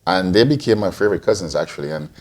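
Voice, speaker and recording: A podcast co-host in his 40s, originally from Guyana and raised in Antigua, responds to interview questions quickly in a low voice with lively intonation. His answers ramble, full of restarts.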